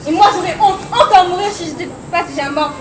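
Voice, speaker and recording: A woman's voice: very high-pitched, fairly quick, slight background noise. A teenage girl acting a fussy, scolding old nurse who fusses over her charge in a school stage play. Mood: lamenting. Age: teens. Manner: scolding, lamenting. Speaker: student actor. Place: theatre hall. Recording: echoey hall, insects behind.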